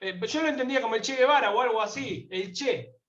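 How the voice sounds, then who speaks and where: An Argentine man with an Argentine Spanish accent, a guest pilgrim in an interview, tells a heartfelt story and animatedly acts out the voices of the people in it. His voice is very high and quick-paced. The sound is roomy and dull.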